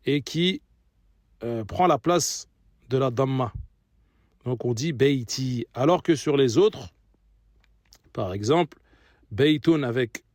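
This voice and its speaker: A man's voice: medium pitch, darkish tone, no echo, clean studio sound. A man teaching an Arabic revision lesson in French, patiently repeating each Arabic example.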